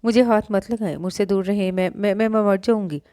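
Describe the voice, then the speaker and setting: A woman's voice: medium pitch, fairly quick, mellow, lightly acted. Tense young wife, read by a woman. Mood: panicked pleading. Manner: curt, then pleading and panicked. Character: frightened, bitter young wife.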